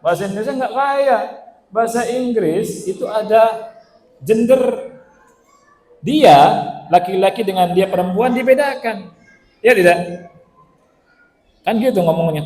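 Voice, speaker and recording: An Indonesian man giving a playful religious lecture in a mosque, quizzing his audience with rhetorical questions. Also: sits high. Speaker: religious teacher. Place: mosque hall. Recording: echoey hall reverb.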